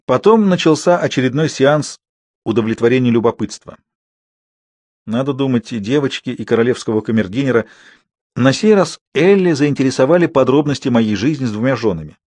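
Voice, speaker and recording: Man, audiobook narrator, scripted storytelling, medium pitch, dry close mic. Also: lively intonation, brisk, a little mellow, no room sound.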